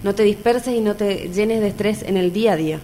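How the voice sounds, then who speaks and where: A woman's voice: mid-range voice, fairly quick, dark tone, slight background noise. Earnest Argentine woman telling her story. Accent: Argentine Spanish. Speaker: mother of three sharing her experience. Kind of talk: personal testimony in conversation.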